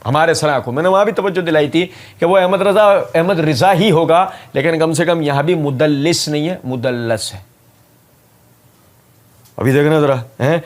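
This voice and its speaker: Guy with a slightly high voice doing a mocking, emphatic religious rebuttal, lots of sarcasm. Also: pauses often. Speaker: religious speaker giving a rebuttal. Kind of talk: polemical religious talk.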